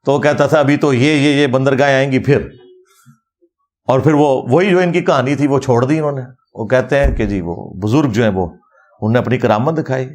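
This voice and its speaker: A man's voice: medium pitch, a little mellow. A man giving a critical religious talk in a mocking, argumentative way. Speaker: religious speaker.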